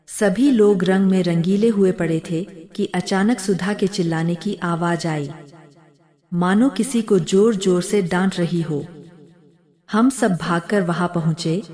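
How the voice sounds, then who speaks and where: A woman narrating an emotional story in a slow, measured, heartfelt way. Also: fairly low pitch, warm tone.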